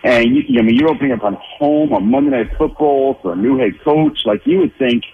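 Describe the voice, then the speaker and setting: A man phones in to break down the week's football, voice husky and a little breathy. The line is thin and tinny, like a call patched into a radio studio. He talks in loose, restarting sentences, doubling back on his words as he thinks. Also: mid-range voice, huge pitch swings, fairly quick. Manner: thinking aloud with many restarts and repeated words. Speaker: NFL insider guest. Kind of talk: phone-in sports analysis.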